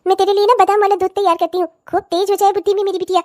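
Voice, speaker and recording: A woman voicing a harsh, scolding cartoon stepmother who nags and curses in a shrill, rapid voice. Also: little pitch movement. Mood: doting. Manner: shrill, nagging, cursing. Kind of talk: cartoon voice acting.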